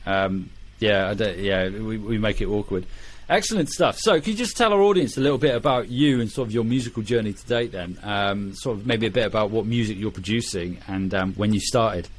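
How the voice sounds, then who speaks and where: Chatty British podcast host. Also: male voice, fairly low pitch, fairly quick, few pauses. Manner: chatty, digresses, lots of ums and restarts. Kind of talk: casual podcast interview.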